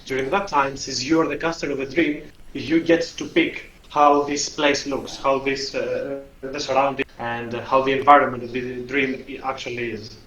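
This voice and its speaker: A male game master improvises narration for a tabletop fantasy game, pausing to search for words. The recording is roomy and slightly muffled. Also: mid-range voice, flat delivery, a bit bright, a little hiss or hum. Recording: roomy, slightly dull microphone sound.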